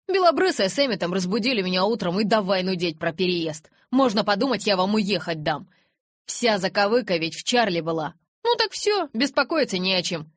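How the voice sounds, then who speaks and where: A woman voicing a cheerful, cocky young werewolf man who talks loudly and boastfully. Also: mid-range voice, lively intonation, moderate pace, no room sound, studio quality, close to an everyday voice. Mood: cocky, breezy. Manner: cheeky, boastful, loud.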